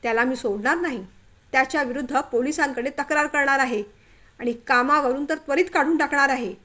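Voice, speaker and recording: A harsh, furious office boss barking orders in a storybook reading, as a woman narrator puts him on. The voice sits high and loud, stern and accusing. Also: brisk. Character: angry middle-aged male office boss, harsh.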